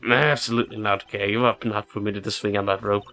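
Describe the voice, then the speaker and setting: A man's voice: lowish voice, little pitch movement, fast talker, pushed and bright, soft background music. A man voicing a stern, exacting prosecutor from a video game in a formal, dry manner. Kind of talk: video game character reading.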